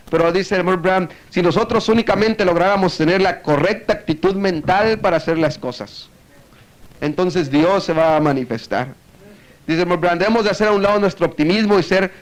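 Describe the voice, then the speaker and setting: A man preaching a sermon, telling a story and acting out echoes, often checking in with his listeners. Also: on the high side. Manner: storytelling, acts out echoes, frequent tag questions.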